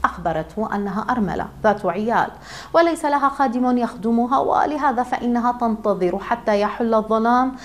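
A woman narrating a moral tale in a measured, solemn storytelling manner. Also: on the high side.

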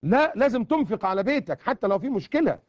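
Egyptian guy preaching super fast, kinda high voice, keeps repeating stuff for emphasis, dull dry lo-fi audio. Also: very animated, no room sound. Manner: emphatic, repeats words for stress. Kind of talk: colloquial sermon.

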